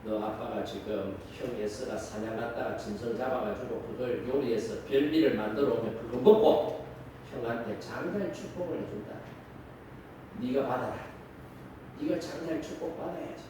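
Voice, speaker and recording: A man voicing a scheming mother in a retold Bible story, urgent and hushed. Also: medium pitch, moderate pace, background noise, pitched below the performer's own voice, natural voice. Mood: conspiratorial. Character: scheming mother urging her favored son. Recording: echoey church hall, distant mic.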